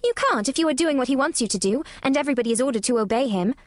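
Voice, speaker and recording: A woman's voice: sits high, expressive, rapid-fire, no echo, clean studio sound, pitched above the performer's own voice. A woman voicing an earnest, self-assured little girl in an audiobook. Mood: firm. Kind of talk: audiobook character voice.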